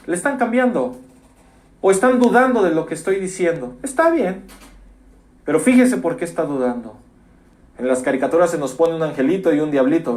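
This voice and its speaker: A man preaching a sermon as pastor, emphatic, repeating phrases and rising suddenly to loud stresses. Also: on the high side. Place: church.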